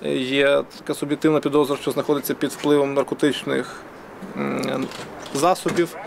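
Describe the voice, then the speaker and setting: A man, a police officer, giving a measured formal statement with many hesitations. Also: mid-range voice, flat delivery, vocal fry. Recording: outdoor street noise, traffic.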